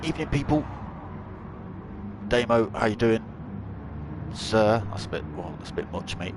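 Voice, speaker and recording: A man's voice: on the low side, moderate pace. A man giving chatty, jokey live commentary on an online racing event, cracking dad jokes between updates. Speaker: race commentator and streamer. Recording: loud engine and track noise behind. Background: racing car engines.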